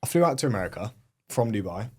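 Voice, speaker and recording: A young Englishman with a British accent talks easily as a podcast guest. His voice sits a little low, and his speech is loose and full of fillers like "like" and "um". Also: sing-song, fast talker, darkish tone, slightly rough. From England. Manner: chatty, many fillers like "like" and "um". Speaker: guest, agency owner. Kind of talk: casual podcast interview.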